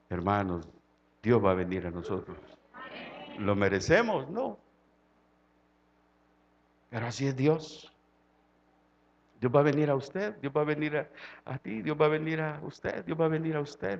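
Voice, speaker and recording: High-voiced Salvadoran preacher, fervent. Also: male voice, creaky, lo-fi sound. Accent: Salvadoran Spanish. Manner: swings from quiet low tones to loud impassioned preaching. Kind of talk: sermon.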